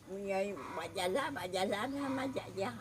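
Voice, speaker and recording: A woman's voice: mid-range voice, normal speed. Very old woman, noisy recording. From Aceh, Indonesia. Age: around 100. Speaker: elderly interviewee recalling wartime. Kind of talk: casual spoken recollection. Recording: clearly noisy amateur recording, outdoor ambience.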